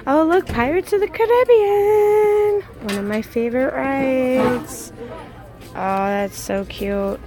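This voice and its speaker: A woman's voice: sits high, expressive, slow pace. A woman narrating a casual shopping vlog, gushing over cute finds as she films on a handheld phone in a large indoor store. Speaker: vlogger. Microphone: handheld phone camera. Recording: crowded store background.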